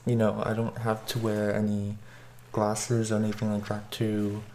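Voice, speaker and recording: A man casually reviewing a mask while wearing it, hesitant with many pauses and restarts, his voice coming through the face mask. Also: fairly low pitch, completely flat delivery, warm tone, slight background noise.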